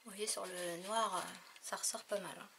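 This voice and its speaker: A woman talking casually through a crafting haul, hesitant with many fillers and often trailing off quietly. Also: mid-range voice, steady tone, moderate pace, noisy background. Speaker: crafting vlogger.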